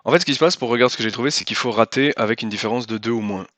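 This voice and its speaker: Talking very fast, a man commentates casually on a cooperative card game he hosts and plays, thinking aloud about rules and moves and repeating things for emphasis. His voice is medium-pitched and fairly bright, with no echo.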